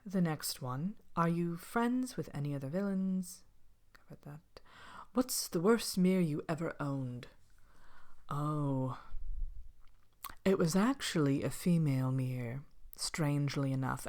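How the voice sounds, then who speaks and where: A woman voicing a haughty, vain evil fairy-tale queen in an ASMR role-play, soft-spoken and partly whispered, pompous and languidly disdainful. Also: low voice. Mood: disdainful, gossipy. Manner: pompous, languid, theatrical disdain with drawn-out words. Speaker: host of a character Q&A show. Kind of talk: ASMR character role-play, answering questions.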